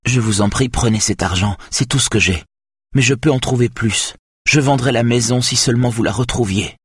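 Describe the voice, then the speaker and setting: A man's voice: mid-range voice, moderate pace, breathy edge, no room sound, studio quality, voice pushed up. A man voicing a distraught middle-aged mother who pleads in a strained voice in an audiobook. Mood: pleading.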